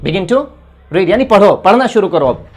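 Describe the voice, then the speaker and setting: A man from India teaching English grammar, slowly reading out English example sentences and translating each one, then giving encouraging advice. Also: high voice, lively intonation. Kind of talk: spoken grammar lesson.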